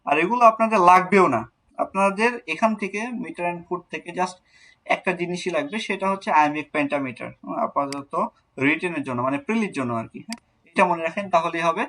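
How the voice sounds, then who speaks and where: Bangladeshi guy teaching online class, bright slightly high voice, keeps repeating stuff step by step. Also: brisk, poor audio. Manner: explains step by step, repeats words, asks rhetorical questions.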